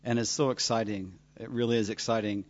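Man, pastor, relaxed rambling intro, low voice, muffled lo-fi recording. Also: fairly quick. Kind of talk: introducing a speaker. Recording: dull lo-fi sound.

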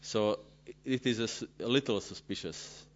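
Man, pastor, joking conference talk, fairly low voice, dull lo-fi sound. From Serbia (former Yugoslavia). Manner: joking, self-deprecating, halting.

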